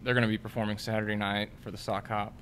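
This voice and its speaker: A young man with a lowish voice talks casually at a desk mic in a newsroom studio. He halts often and searches for words, with a faint hum behind him. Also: level tone, fairly bright tone. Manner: halting, searching for words, many ums. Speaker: features intern, guest. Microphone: desk microphone.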